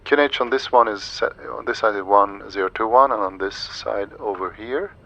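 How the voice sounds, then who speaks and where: A man's voice: on the low side, moderate pace, pushed and bright, dull audio. A man streaming a flight simulator, thinking aloud through each step as he gives live commentary and makes pilot radio calls.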